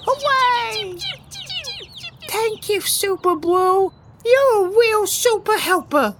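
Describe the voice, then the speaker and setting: A woman doing a squeaky little baby chick. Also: expressive, takes it slowly, a bit bright, no echo, faint music behind, full character voice. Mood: grateful. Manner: squeaky, small and pleading.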